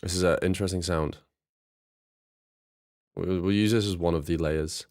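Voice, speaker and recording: A man's voice: low voice, fairly even intonation, moderate pace, darkish tone, dry recording. A man producing music on a live stream, chatting casually with viewers and joking with dry sarcasm. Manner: dry sarcastic, laid-back, chats to viewers while working.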